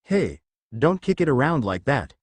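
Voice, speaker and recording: A man voicing a calm, deadpan teenage boy in a fanfiction reading, close to his own voice. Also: medium pitch, unhurried, no echo. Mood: teasing. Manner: plain, deadpan delivery.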